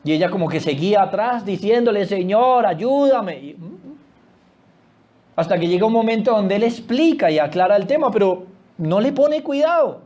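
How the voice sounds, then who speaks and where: A man preaching a sermon as pastor, swinging between loud exclamations and hushed low asides. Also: animated, a little fast.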